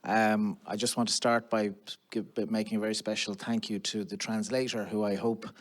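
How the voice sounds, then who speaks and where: A man with an Irish accent speaking as a panelist at a round-table session, in a measured and earnest way. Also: lowish voice, flat delivery. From Ireland.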